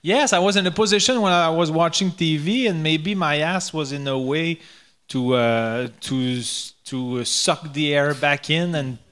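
Quebec French-accented man, slightly high voice. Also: a bit bright. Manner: halting English, searching for words. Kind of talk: casual joking chat.

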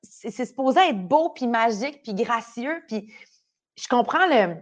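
A woman's voice: fairly high pitch, unhurried. A woman with a Québécois French accent, pregnant and speaking candidly in a casual podcast chat. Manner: candid, animated storytelling. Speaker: radio host.

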